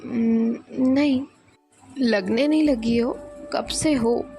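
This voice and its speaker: A woman voicing a young college woman in love, speaking softly and tenderly in a storybook romance. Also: on the high side, drawn-out words, soft background music. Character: young woman in love, shy but bold.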